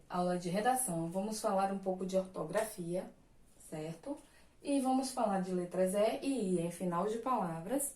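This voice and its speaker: A woman's voice: medium pitch, a little mellow. A woman teacher giving a recorded class, explaining patiently step by step and often checking in with her students. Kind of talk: recorded online class lesson. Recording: echoey room.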